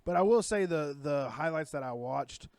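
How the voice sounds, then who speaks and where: A man's voice: fairly high pitch, animated, normal speed, a little mellow, no room sound. A man co-hosting a casual podcast, talking in an enthusiastic, rambling way. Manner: enthusiastic, rambling wrestling fan. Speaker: podcast co-host. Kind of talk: casual chat.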